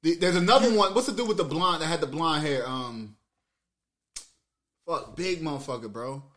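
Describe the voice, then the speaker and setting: A man co-hosting a podcast in casual chat, loud and animated, full of slang and cursing. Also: on the high side, normal speed. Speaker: podcast co-host.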